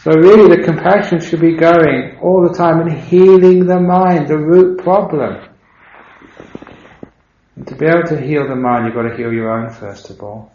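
An Englishman who is a Buddhist monk, giving a dharma talk in an unhurried, reflective storytelling way with gentle humor. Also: a little high. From England. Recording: dull, roomy recording.

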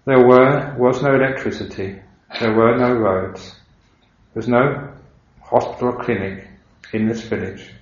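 An Englishman who is a Buddhist monk, giving a dharma talk in an unhurried, reflective storytelling way with gentle humor. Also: medium pitch, fairly even intonation. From England. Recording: dull, roomy recording.

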